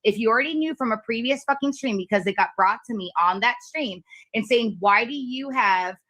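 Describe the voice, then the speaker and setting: A woman's voice: on the high side, fairly quick, pushed and bright. A woman arguing casually and defensively in an online group chat, insistent and prone to swearing.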